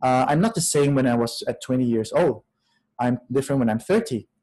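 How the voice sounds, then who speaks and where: A priest in his fifties gives a spiritual talk over a webcam from a small room. He speaks reflectively, asking many questions and laughing softly now and then. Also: medium pitch, brisk, poor audio. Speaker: priest giving a retreat talk. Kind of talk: spiritual talk to an online audience. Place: small room, in front of a plain wall. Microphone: webcam on a video call.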